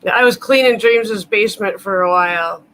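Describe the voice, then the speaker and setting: A woman's voice: mid-range voice, fairly quick, a bit bright, slight background noise, rough recording. A woman guesting on a livestream, chatting in a friendly, encouraging way. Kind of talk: casual chat.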